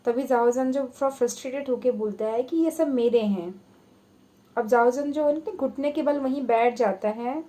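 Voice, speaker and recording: A woman's voice: sits high, normal speed, dark tone. A woman casually retelling a fan story in a chatty, loose way, full of little filler words. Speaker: fanfiction narrator.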